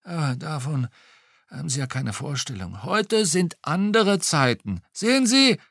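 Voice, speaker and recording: Performed by a man, a keen old retired policeman speaks up high and loud, his voice leaping about as he brags in an audiobook reading. The sound is close and dry, with no room around it. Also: very animated, unhurried, vocal fry, dry recording, full character voice. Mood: boastful. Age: older. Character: eager old retired male policeman, boastful.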